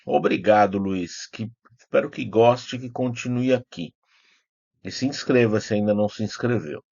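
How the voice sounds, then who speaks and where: A Brazilian YouTube host and film critic speaks to his followers without a script, answering comments in a rambling, hesitant way and correcting himself often. His fairly low voice is creaky, darkish and slightly rough at normal speed, and the sound is dull and lo-fi with no room sound.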